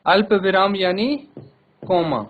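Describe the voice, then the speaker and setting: A man's voice: high-pitched, slow, narrow, tinny audio, soft background music. A man teaching a televised maths class in Hindi-accented speech, patiently addressing children and repeating each step.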